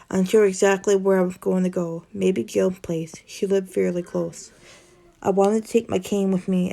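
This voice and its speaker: A woman reads a first-person horror story aloud with a low, gravelly, fry-laced voice. Her tone is dark and mellow, and she tells it steadily, now and then tripping over a word. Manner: steady storytelling, occasional tongue-tied slips.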